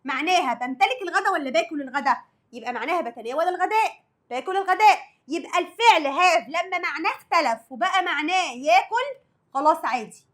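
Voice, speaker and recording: A woman with an Egyptian Arabic accent teaches English grammar in a high voice. She works through exam questions one at a time, asking the students and answering for them. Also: expressive, fast, a bit bright. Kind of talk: exam review lesson.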